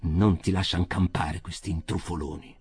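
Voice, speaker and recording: A man voicing a bitter, surly old craftsman who speaks in a low, gruff, curt voice, in a storybook reading. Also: fairly even intonation, normal speed, a little mellow, no echo, heavily acted. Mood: furious. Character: surly, bitter old male coffin-maker.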